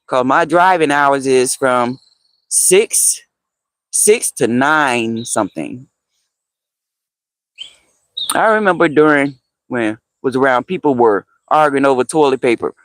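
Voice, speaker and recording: A man's voice: on the high side, slow pace, pauses often, a bit bright, dry recording. A man hosting a casual livestream, chatting with viewers, answering their comments, repeating phrases and laughing often. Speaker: livestream host.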